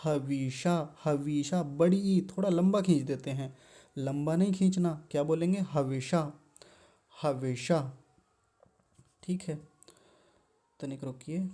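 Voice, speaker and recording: A man teaching careful pronunciation of chanted verses, patiently explaining and repeating each word slowly syllable by syllable. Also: on the high side, warm tone. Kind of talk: slow, careful pronunciation lesson.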